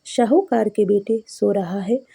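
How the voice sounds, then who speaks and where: A woman reading a devotional story, voicing a kind and merciful mother goddess in a soft, husky way. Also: mid-range voice, measured pace, full character voice. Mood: gentle. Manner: gentle, reassuring.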